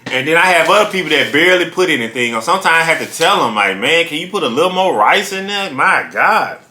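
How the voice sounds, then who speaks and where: A man hosting an eating show, chatting casually and telling animated stories while he chews his food. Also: a little high, fast talker. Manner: talks while chewing food; animated storytelling. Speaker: mukbang host. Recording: roomy echo.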